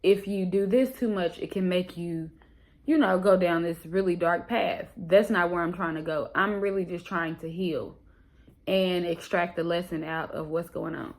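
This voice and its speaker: Woman, American accent, low voice, expressive, slangy, casual journal-reading vlog. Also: moderate pace. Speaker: vlogger.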